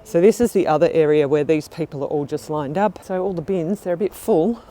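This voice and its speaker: A woman's voice: low voice, brisk, warm tone, slight background noise. A woman chatting on camera outdoors in a casual travel vlog, bubbly and often laughing. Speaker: vlogger. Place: outdoors at a lakeside town and campsite.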